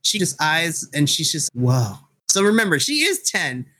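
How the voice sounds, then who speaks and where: A man narrating as game master with lively storytelling, quick to laugh. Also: on the high side, poor audio.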